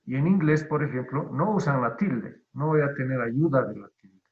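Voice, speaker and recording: A man teaching an online class, explaining slowly step by step, his voice trailing off at the end of phrases. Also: mid-range voice, lively intonation. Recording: dull lo-fi audio.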